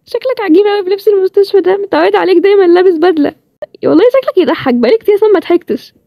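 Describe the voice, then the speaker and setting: A woman voicing a sharp-tongued young heroine with an Egyptian accent, in a bantering, higher-pitched way. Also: very fast, vocal fry, no echo, highs cut off. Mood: playful. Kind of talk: storybook role-play series.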